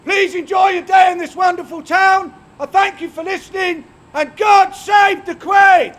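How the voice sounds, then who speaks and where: A man making a town crier's proclamation in loud, drawn-out ceremonial shouts. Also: very high voice, fairly even intonation.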